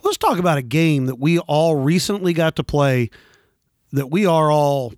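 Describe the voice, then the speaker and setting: A man's voice: fairly high pitch, animated, moderate pace, darkish tone, no echo, clean studio sound. A man hosting a podcast in casual chat. He is upbeat, laughs often and stumbles over his words. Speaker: podcast host.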